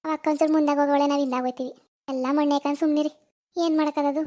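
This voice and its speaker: A woman's voice: high voice, flat delivery, racing, warm tone, lightly acted. A woman doing Parvatamma, a firm village woman. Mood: consoling. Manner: firm, consoling, a little bossy. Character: firm, caring middle-aged village woman. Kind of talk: cartoon voice acting.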